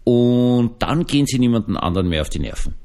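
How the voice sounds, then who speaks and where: A man's voice: medium pitch, very animated, fairly quick, darkish tone. A male Protestant pastor with an Austrian German accent, talking casually and folksily to his online listeners, just back on his feet after being ill. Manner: chatty, rambling, folksy, addresses listeners directly. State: recovering from illness. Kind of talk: casual spoken podcast reflection.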